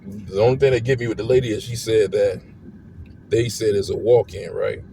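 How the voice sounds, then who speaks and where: A man's voice: lowish voice, fairly even intonation, a little fast, vocal fry, mellow. A man who is unwell vents heatedly on a car ride home, repeating himself as he talks to his viewers. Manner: heated, repetitive, keeps asking "you know what I'm saying". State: unwell, congested. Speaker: family vlogger. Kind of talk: ranting car-ride vlog. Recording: car road noise behind the voice.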